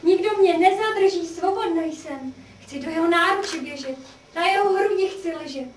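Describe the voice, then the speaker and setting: A young condemned girl, high voice, pleading and shaking, old radio play verse, kinda far off in an echoey room. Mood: rapturous. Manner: pleading, trembling, stage-like verse delivery. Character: young condemned woman, grief-stricken, half-mad. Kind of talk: theatrical verse radio drama.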